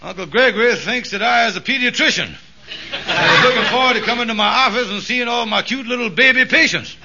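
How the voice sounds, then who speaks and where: A man's voice: extremely high pitch, a little fast, vocal fry. A man playing a blustering, scheming middle-aged conniver in an old radio sitcom, stammering. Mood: dejected, worried. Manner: stammering, exaggerated folksy delivery. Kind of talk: 1950s American radio sitcom acting. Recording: muffled, noisy old radio recording.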